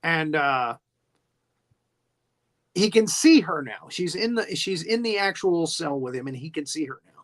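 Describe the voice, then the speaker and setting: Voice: mid-range voice, lively intonation, measured pace, pauses often. A podcast host giving a casual movie recap, chatty and giggly, full of asides.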